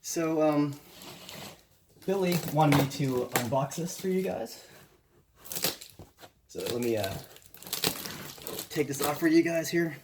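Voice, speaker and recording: A man's voice: on the high side, animated, slow, long pauses, noisy background. Chatty man unboxing on camera. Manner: chatty, loose, lots of fillers. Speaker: vlogger. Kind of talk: casual unboxing vlog.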